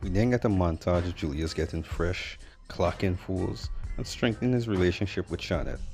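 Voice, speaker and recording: A man with a low, gravelly voice rolls through a film recap, blunt and mocking, dropping slang as he goes. Faint music sits beneath his commentary. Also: normal speed, darkish tone. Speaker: movie reviewer. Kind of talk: sarcastic movie review commentary.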